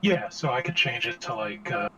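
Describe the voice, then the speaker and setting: A man's voice: medium pitch, animated, moderate pace, dull audio, background noise. A man chatting casually on a voice call through a robotic voice modulator, a little apologetic. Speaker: player on a voice call. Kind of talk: casual chat.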